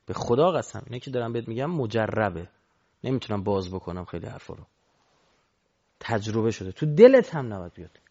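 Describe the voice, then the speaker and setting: A man preaching a religious sermon into a microphone, swinging between loud exhortation and low murmurs. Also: very animated. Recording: dull lo-fi recording.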